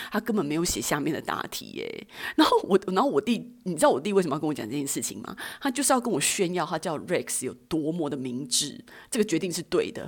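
Taiwanese woman host, fast chatty storyteller, low husky voice, podcast anecdotes. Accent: Taiwanese Mandarin. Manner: animated, giggly anecdotes with acted-out quotes. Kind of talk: casual storytelling.

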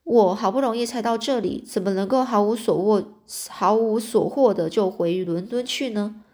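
A woman's voice: mid-range voice, normal speed, darkish tone, close to an everyday voice. A woman reading an earnest male doctor. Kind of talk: storybook reading.

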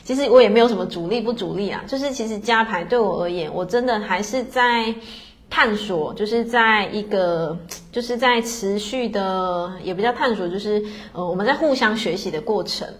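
A woman's voice: mid-range voice, normal speed. A middle-aged woman telling a personal story in a casual, chatty way, full of fillers and tag questions. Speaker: podcast host.

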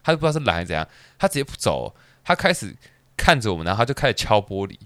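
A man co-hosting a casual podcast, telling a personal story in an animated way with quick restarts. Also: lowish voice, no echo. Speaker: podcast co-host.

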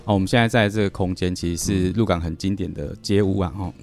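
Taiwanese guy from lukang talking fast and low, relaxed guest vibe, light music behind. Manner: quick, relaxed explaining, mixing Hokkien. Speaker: guest, café owner. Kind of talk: casual chat. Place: old-house café.

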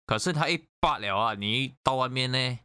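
A man casually telling an animated story in conversation, swearing freely. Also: mid-range voice, fairly quick, clear, resonant tone, no echo. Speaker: guest sharing a story. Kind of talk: casual chat.

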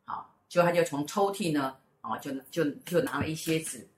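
A middle-aged woman with a Taiwanese Mandarin accent tells a story in casual chat, slipping into the voices of its people. Her voice sits a little low. The room around her rings with echo. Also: fairly quick. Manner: animated storyteller who acts out quoted speech. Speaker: host, mother.

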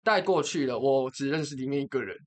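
A man's voice: medium pitch, fast. A young man with a Taiwanese Mandarin accent, telling a story in casual chat and acting out the people in it. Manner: animated, acts out the people in his story. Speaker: podcast co-host.

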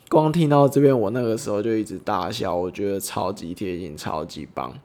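Brief: reflective male podcast storyteller, soft and unhurried. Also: lowish voice. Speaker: podcast host.

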